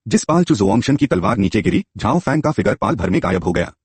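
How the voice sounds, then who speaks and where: A man's voice: fairly low pitch, very animated, fast talker, breathy edge, dry recording. A man narrating a story in a scripted telling and voicing its characters himself.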